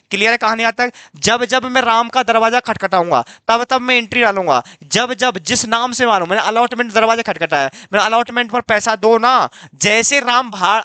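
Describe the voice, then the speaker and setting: A man's voice: sits high, bright, forceful tone, clear, resonant tone, no room sound. A man teaching an accounting class, coaxing and repetitive, quizzing his students and calling them dear. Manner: coaxing, repeats himself, quizzes students, calls them "beta". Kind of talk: classroom lecture.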